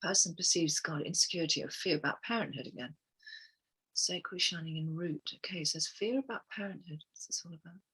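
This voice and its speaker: A woman reading chakra statements on a group call and guiding listeners through affirmations, soft-spoken and musing, often murmuring "okay" between readings. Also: on the low side, a little fast, husky, low-quality recording. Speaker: wellness guest speaker.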